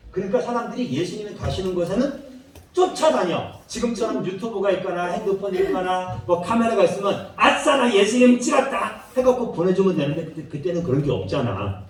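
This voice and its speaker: A man's voice: high voice, very animated, a little fast, a little mellow, a little hiss or hum. A man giving a playful children's sermon, telling the story with acted-out voices and questions for the kids. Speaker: children's ministry preacher. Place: church worship room. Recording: very echoey room, mic far off.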